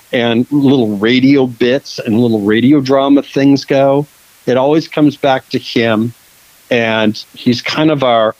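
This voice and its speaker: A man's voice: mid-range voice, darkish tone, no room sound, muffled recording. A man from Western Washington hosting a casual interview, rambling with many fillers and restarts. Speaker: podcast host and producer.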